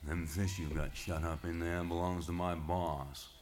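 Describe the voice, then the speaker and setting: A man voicing a huge, surly old sea serpent who talks in a gruff, threatening way. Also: sits low, fairly even intonation, unhurried, darkish tone.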